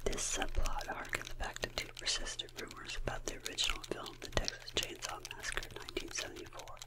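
Female ASMR reviewer, fast and aggressive whisper, scripted delivery, slightly distant from the mic with tapping and clicking behind. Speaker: ASMR video host and film reviewer. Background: tapping and clicking on plastic objects.

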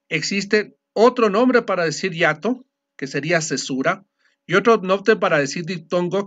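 Male teacher, high voice, patient step-by-step explainer, dull lo-fi recording. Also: a bit bright. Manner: explanatory, often checks understanding with a quick question. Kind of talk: classroom lecture.

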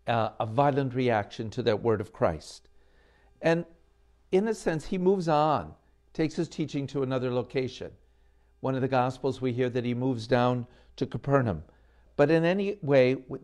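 A man in his sixties, a bishop reading the gospel and preaching deliberately in short phrases with pauses. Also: medium pitch, a little mellow. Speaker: bishop, celebrant. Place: small chapel indoors.

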